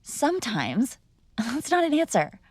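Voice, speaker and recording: In this dry-recorded ASMR girlfriend roleplay, a woman speaks close to the mic as a mob boss's spoiled, rebellious daughter, teasing and sarcastic in a conversational, one-sided way. Her high, slightly mellow voice swoops wildly in pitch at a measured pace, exaggerated and indignantly challenging.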